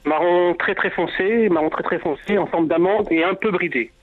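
A man in his forties calls in to a radio show and answers haltingly, stopping often to search for words. His voice comes through a thin, tinny phone line, and faint music plays underneath. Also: sits high. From France, of Algerian descent. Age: 40s. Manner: hesitant, halting, many fillers. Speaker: caller. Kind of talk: phone-in conversation.

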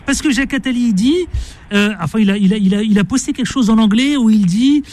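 Male radio host, high pitch, playful banter, quick asides. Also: darkish tone. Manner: joking, quick interjections, playful mock accent. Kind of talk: casual on-air banter.

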